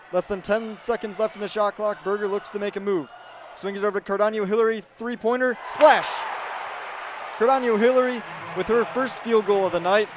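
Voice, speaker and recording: His voice sits high against a noisy background. The speaker is a man in his twenties from the United States who works as a student sports reporter and play-by-play announcer, reading highlights and calling the action.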